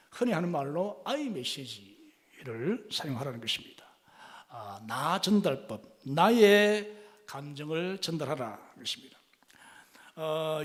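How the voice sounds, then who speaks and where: A man's voice: on the high side, big-room sound. A male pastor giving a sermon, asking the congregation questions and acting out quoted speech. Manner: animated preaching, asks the congregation questions and acts out quoted speech. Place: church sanctuary.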